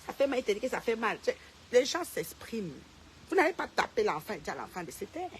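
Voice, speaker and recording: A woman's voice: fairly high pitch, big pitch swings, quick pace, slight background noise. Confrontational woman ranting to camera. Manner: confrontational, addresses a rival directly and repeats herself. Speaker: social media personality. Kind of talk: direct-to-camera rant.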